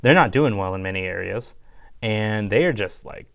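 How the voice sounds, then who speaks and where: A young man giving a casual solo review, rambling with lots of fillers and jumping up in pitch when he gets excited. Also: normal speed, vocal fry. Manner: chatty, rambling, lots of fillers like "you know" and "like". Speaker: YouTube reviewer.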